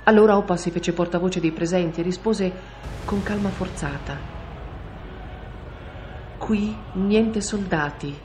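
A woman narrating an audiobook in a measured, steady storytelling voice. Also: on the low side, slight background noise. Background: faint music.

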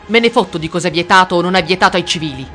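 A reader voicing a desperate teenage boy who shouts for a gun, over music. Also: mid-range voice, very fast, natural voice. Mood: shouting. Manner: shouting, emotional. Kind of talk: audiobook character reading.

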